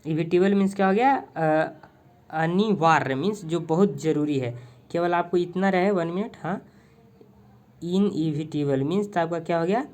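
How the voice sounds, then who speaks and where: A man's voice: on the high side, a little mellow. A man with an Indian accent teaching English words through Hindi in a casual lesson, asking and answering his own questions, often stopping to search for a word. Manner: repeats "ठीक है" constantly, asks and answers own questions; pauses to search for words, hesitant fillers. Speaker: vocabulary teacher. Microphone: phone on tripod with mic.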